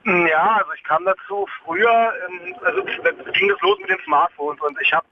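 A man's voice: high voice, huge pitch swings, moderate pace, gravelly, distant mic, background noise. A man calling in to a radio chat show on speakerphone, talking casually and hesitantly with many fillers. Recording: tinny phone line.

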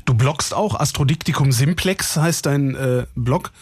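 A man's voice: medium pitch, measured pace, breathy edge, no room sound. A man with a Cologne accent hosting a late-night radio call-in show in an easygoing, chatty way, asking follow-up questions. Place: radio studio.

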